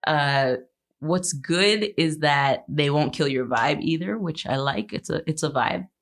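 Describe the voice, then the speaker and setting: A woman from Canada, a life coach, chatting casually as a podcast guest in a relaxed, slangy way with frequent laughter. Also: low voice, measured pace.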